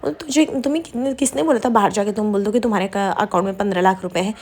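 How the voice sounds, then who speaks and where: Flustered shifty husband from a serial, a woman doing him, rapid. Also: mid-range voice, a little mellow, lightly acted. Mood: defensive.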